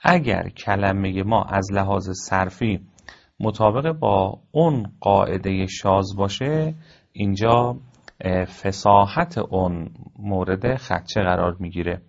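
A man teaching a formal lecture, explaining point by point in a measured way with frequent pauses. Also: low voice, gravelly. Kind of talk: recorded classroom lecture. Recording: dull lo-fi recording.

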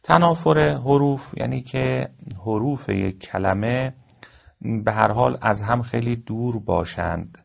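A man teaching a formal lecture, explaining point by point in a measured way with frequent pauses. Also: medium pitch, vocal fry. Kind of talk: recorded classroom lecture. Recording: dull lo-fi recording.

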